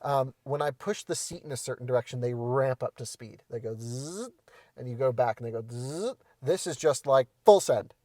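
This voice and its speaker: A man's voice: mid-range voice, a little fast, few pauses, no room sound. A man in a casual car review, bluntly criticizing materials and build quality from inside a parked car. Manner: blunt, opinionated, animated critique. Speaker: co-host reviewing cars.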